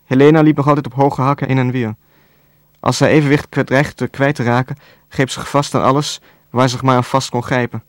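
A man reading a novel aloud as narrator, in a calm, even storytelling voice with a dry wit. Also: mid-range voice, a little fast, no echo. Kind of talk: scripted audiobook narration.

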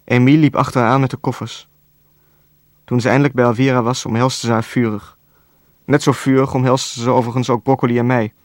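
A man reading a novel aloud as narrator, in a calm, even storytelling voice with a dry wit. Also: medium pitch, brisk, dry recording. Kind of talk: scripted audiobook narration.

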